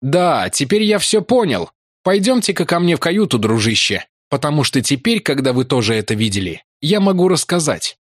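A man voicing a haunted, grief-stricken male explorer in an audiobook, speaking urgently, at times flat and numb, in a dry, close studio sound. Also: medium pitch, moderate pace, breathy edge, dry recording. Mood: resolved.

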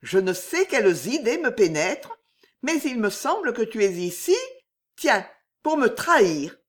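A woman's voice: fairly high pitch, very animated, a little slow, voice pushed up. A woman voicing an anxious young noblewoman, emphatic and heightened in her speech.

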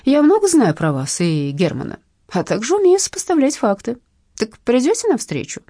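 A sly, ceremonious old man on the phone, courteous on the surface and menacing underneath, as a woman reads him in an audiobook. The voice is dark and husky, with pitch that rolls up and down. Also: sing-song, moderate pace, no room sound, clean studio sound. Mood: smoothly menacing. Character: elderly courteous male blackmailer, smooth and sly. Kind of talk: audiobook narration.

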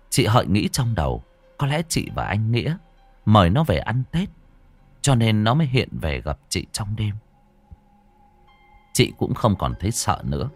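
A man narrating a ghost story in a dramatic style, dropping to a hush and then surging. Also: fairly low pitch, slightly rough. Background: faint music.

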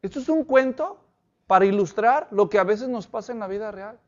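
A man's voice: high-pitched, animated, brisk, highs cut off. A man preaching an expository sermon, asking the congregation questions and telling stories to illustrate his points. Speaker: pastor.

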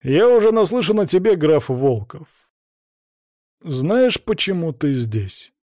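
A man voicing a calm, menacing masked cult leader who speaks coldly and dryly. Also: on the high side, no echo, voice pushed up. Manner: dry, cold, unhurried.

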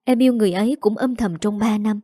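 A woman voicing a gentle, earnest young woman quietly in love. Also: mid-range voice, steady tone, fast talker, dry recording, studio quality, lightly acted.

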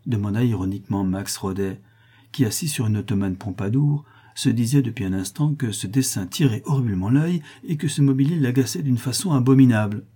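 A man narrating a literary novel as an audiobook with a steady, expressive reading. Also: medium pitch, a little fast, slightly rough. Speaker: audiobook reader.

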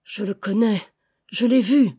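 A woman's voice: medium pitch, mellow, husky. A woman doing a startled, puzzled steward. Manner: halting, puzzled. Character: startled male steward, straining to remember.

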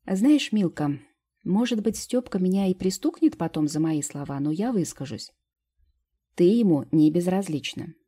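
A bossy, teasing fairy sister, as a woman reads her, gives orders with loud, emphatic confidence. The voice is husky and mellow. It comes from a storybook audiobook. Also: lowish voice, lively intonation, normal speed. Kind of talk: audiobook character reading.

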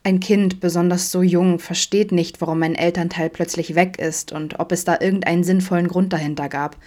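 A woman's voice: fairly low pitch, fairly even intonation, brisk, a little mellow, close to an everyday voice. A woman voicing Vincent, a friendly, open young man with a playful, teasing way of talking, in an audiobook. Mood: earnest.

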